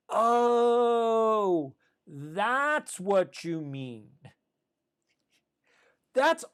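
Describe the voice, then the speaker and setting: Emphatic man talking about teaching. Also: sits high. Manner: emphatic, repeats key phrases. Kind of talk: passionate podcast monologue on teaching.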